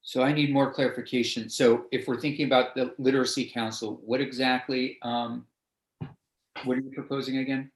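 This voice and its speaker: A man's voice: medium pitch, little pitch movement, brisk. Male chair in a roomy space. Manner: brief, procedural. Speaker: committee chair.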